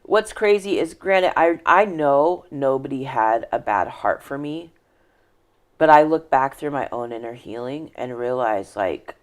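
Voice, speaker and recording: A woman's voice: a bass voice, animated, measured pace. A woman telling her personal life story in an interview, earnest and reflective, often trailing off and restarting her sentences. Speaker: podcast guest.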